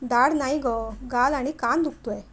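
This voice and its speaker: A woman's voice: high-pitched, fairly even intonation, normal speed, fairly bright tone, breathy edge, exaggerated voice. A woman voicing an irritable young husband who answers sulkily and snaps sarcastically in a storybook reading. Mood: sulky. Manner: snappish, sarcastic.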